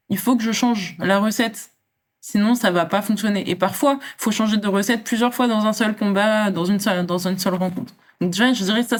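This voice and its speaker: A young woman from France, a champion athlete speaking as an interview guest, talking in a reflective, casual way with many fillers and restarts. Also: medium pitch.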